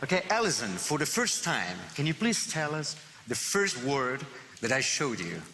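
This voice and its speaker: Lively Italian man performing on stage. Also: medium pitch, moderate pace, slight background noise. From Italy. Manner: lively, playful, coaxing. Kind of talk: stage patter to an audience. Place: large theater stage. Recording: long hall reverb with loud music.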